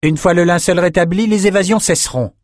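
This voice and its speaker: A man's voice: high voice, a little fast, no room sound, studio quality, voice pushed up, lightly acted. A man reading an audiobook, voicing a cold, hissing female blood mage.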